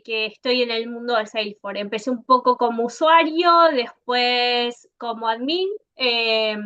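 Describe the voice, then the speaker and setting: Sharp and clean in tone, a slightly high female voice comes through on lo-fi audio. She's a consultant from Argentina with an Argentine Spanish accent presenting at an online conference, talking conversationally to her audience and leaning often on "eh."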